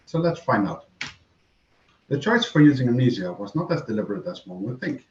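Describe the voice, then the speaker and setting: A man from the Netherlands, a software engineer, giving a scripted conference presentation and reading prepared text evenly. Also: mid-range voice, very animated, a little fast. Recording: roomy, dull home recording.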